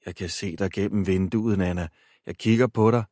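A man reading an audiobook, voicing a boy who disguises his voice to sound hoarse and menacing on a prank call. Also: low voice, steady tone, no echo, studio quality. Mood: creepy whisper. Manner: hushed, hoarse, growling, menacing. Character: prank-calling schoolboy faking a menacing voice.

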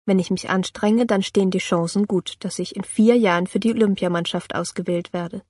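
A woman narrating an audiobook in the first person, with calm, even storytelling. Her voice sits in a medium register. The recording is dry and close, with no room sound. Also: mid-range voice, a little fast, husky, no room sound.

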